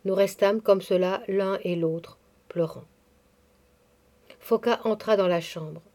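A woman reading a novel aloud in calm, measured literary narration. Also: mid-range voice. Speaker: audiobook reader.

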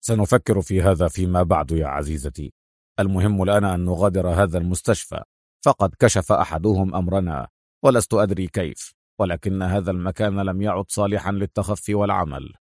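A man putting on a low, calm hero agent. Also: quick pace, no room sound, studio quality. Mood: commanding.

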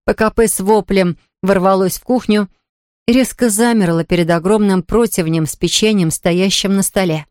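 A woman narrating a children's story aloud in a lively, expressive reading. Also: mid-range voice, normal speed, dry recording, studio quality. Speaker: audiobook reader.

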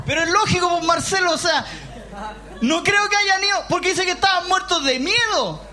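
Man, Chilean accent, pastor, lively sermon, sharp bright tone, emphatic, raises voice. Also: extremely high pitch, moderate pace, a faint crowd. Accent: Chilean Spanish. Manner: emphatic, often raising his voice, joking asides. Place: church meeting hall.

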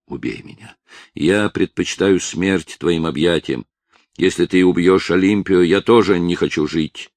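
A man's voice: low-pitched, measured pace, no echo. A man voicing a grieving, proud young woman in a novel reading, speaking with defiance. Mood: defiant. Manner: pleading then defiant.

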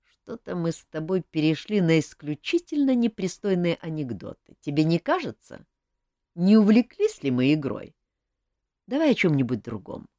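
A woman voicing a gruff, commanding male king who grumbles and bosses people around. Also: lowish voice, big pitch swings, moderate pace, warm tone, dry recording, clean studio sound. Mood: relaxed.

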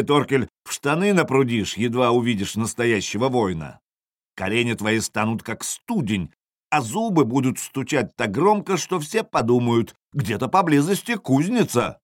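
A man voicing a boastful viking chief who shouts insults at his enemy. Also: mid-range voice, no room sound, studio quality. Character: boastful mocking male viking chief, taunting.

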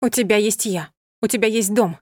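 A woman's voice: medium pitch, a little fast, a little mellow, no room sound, clean studio sound, close to an everyday voice. Woman reading a firm young heroine. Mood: earnest. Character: young determined proud woman.

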